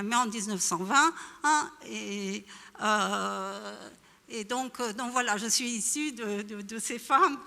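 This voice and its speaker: A woman's voice: mid-range voice, vocal fry, bright, forceful tone. A woman from Iran speaking at a panel event, hesitant, with many fillers and restarts. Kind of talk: spontaneous public talk. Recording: echoey hall.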